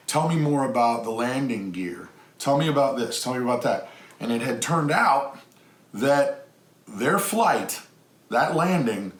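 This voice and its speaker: In an echoey room with a faint hum, a middle-aged homestead vlog co-host chats casually to the camera, earnest, talkative and encouraging as he goes on at length. His mid-range voice has a slightly bright quality.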